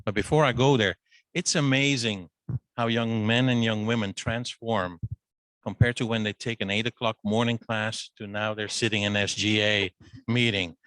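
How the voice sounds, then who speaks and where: At a student meeting with a Zoom link, a Belgian business school dean in middle age introduces himself conversationally, his Flemish accent reflecting his native Dutch. His voice sits on the low side with fairly even intonation, normal speed and a fairly bright tone, and he restarts often with fillers. He uses a handheld microphone, and the rough recording has no room sound.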